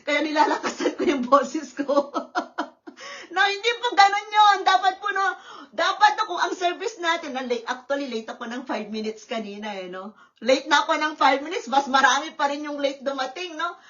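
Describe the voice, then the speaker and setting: A woman pastor preaching a sermon at a church service, lively and often checking in with the congregation. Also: high voice, a little fast, lo-fi sound. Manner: lively, questioning the congregation with tag words.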